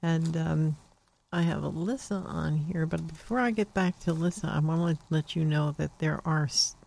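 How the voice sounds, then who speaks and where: An older woman hosts a psychic call-in radio show, chatting casually and rambling with plenty of fillers. Her deep voice has vocal fry and a slightly mellow quality, at a moderate pace.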